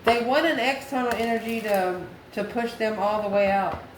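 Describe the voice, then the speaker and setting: A tarot reader and channel host with a slightly high voice and normal pace speaks straight to her viewers, folksy and familiar, calling them honey and baby and repeating phrases for emphasis. The room is echoey with clear background noise.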